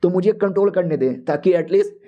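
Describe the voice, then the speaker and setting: A man's voice: high-pitched, fast talker, dull audio, close to an everyday voice. A man voicing a bossy, brash female sword spirit. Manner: brash, teasing, slangy.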